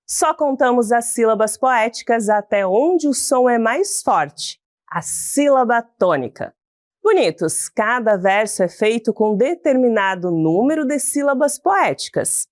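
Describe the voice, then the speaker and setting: Slow, lively-voiced Brazilian woman teacher. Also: mid-range voice, no room sound, studio quality. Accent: Brazilian Portuguese. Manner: slow, sing-song and encouraging, calls the pupils "bonitos". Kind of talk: recorded video lesson for children.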